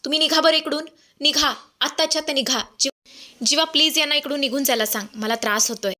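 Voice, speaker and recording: A woman's voice: high voice, quick pace, bright, forceful tone, voice pushed up. A woman voicing a distressed, protective middle-aged mother-in-law facing reporters. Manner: pleading, then firm.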